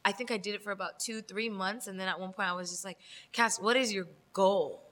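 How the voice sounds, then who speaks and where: Young adult woman guest, candid and reflective, bright voice with long reverb. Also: mid-range voice, fairly quick. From Los Angeles. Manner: candid, laughs often, reflective. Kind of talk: casual interview.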